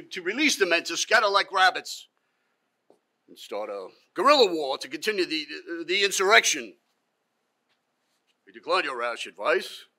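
Older man acting aggrieved accuser, stage monologue, high-pitched, forceful, emphatic rhetorical questions, deliberate pauses. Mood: reproachful. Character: aggrieved man reproaching a former Confederate officer, accusing, sorrowful. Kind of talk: theatrical dramatic monologue. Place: theatre stage, indoors.

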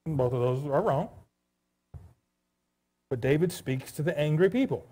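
A man's voice: a little high, animated, normal speed, mellow. A pastor giving a sermon in a church, talking casually to his congregation with jokes and asides. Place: church sanctuary.

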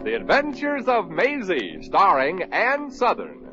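A man's voice: high-pitched, wildly swooping pitch, unhurried. A man with an American accent announcing a 1950s radio show in a showy introduction style. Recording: muffled vintage radio with loud brass music.

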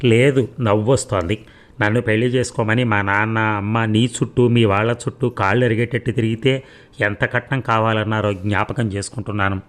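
A man's voice: on the low side, steady tone, fairly quick, natural voice. A man reading as a tearful young wife. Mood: sarcastic. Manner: pleading, bitter. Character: unhappy young married woman, tearful.

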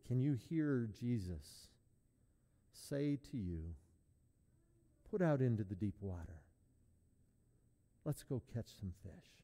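A man serving as pastor, leading a sermon and communion in a measured, prayerful cadence, his voice ringing with a long echo in a large church. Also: medium pitch, big pitch swings, dark tone. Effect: long echoing church reverb. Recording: long reverb in a large hall.

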